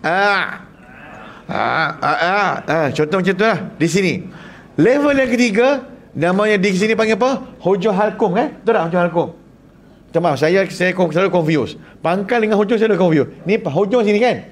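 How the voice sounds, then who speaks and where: Malaysian guy teaching tajwid, fairly high voice, keeps quizzing the class and acting out sounds. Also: animated, a little fast. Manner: asks the class questions and demonstrates sounds. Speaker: Quran recitation teacher. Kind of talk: lively tajwid lesson with jokes. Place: classroom or lecture hall.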